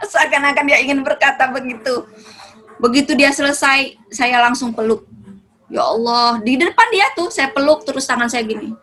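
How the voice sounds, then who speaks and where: In a low-quality recording, a woman speaks at a moderate pace in a somewhat bright voice that sits high. She's a religious parenting speaker fielding audience questions at a seminar, keeping it conversational and now and then acting out exchanges between a mother and child.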